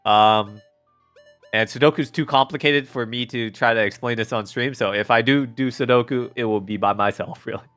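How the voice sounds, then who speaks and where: A man's voice: mid-range voice, normal speed, a bit bright, smooth, soft background music. A man doing casual live game commentary as a hyped gamer bro. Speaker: race commentator.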